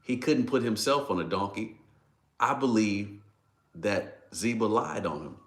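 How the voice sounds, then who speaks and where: Emotional low-voiced man preaching in an echoey room. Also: a little slow. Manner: emotional, repeats exclamations, acts out scripture dialogue. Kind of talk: devotional sermon. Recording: roomy echo.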